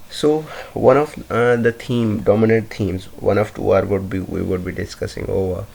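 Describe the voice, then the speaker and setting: A man's voice: lowish voice, steady tone, moderate pace, vocal fry, darkish tone. A man giving an informal poetry analysis lesson, speaking hesitantly with many fillers and self-corrections. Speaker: literature teacher.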